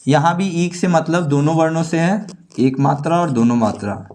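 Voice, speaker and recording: A man teaching a grammar lesson for board exams, slowly explaining each point and drawing out the rules he recites. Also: fairly high pitch, darkish tone. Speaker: Sanskrit teacher. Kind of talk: board-exam grammar lecture.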